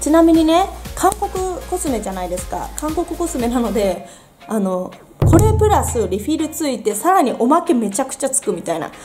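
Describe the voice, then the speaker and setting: Chatty, high-voiced young woman. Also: big pitch swings, brisk, over loud music. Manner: chatty, upbeat, playful. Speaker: beauty vlogger. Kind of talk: casual product review.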